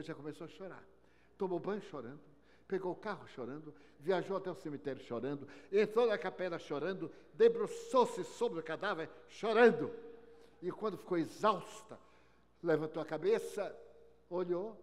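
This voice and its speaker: Older man lecturing in a reverberant hall. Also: sits high. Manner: storytelling with wry humor, sweeping swings in loudness. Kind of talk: inspirational lecture. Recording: long reverb of a large hall.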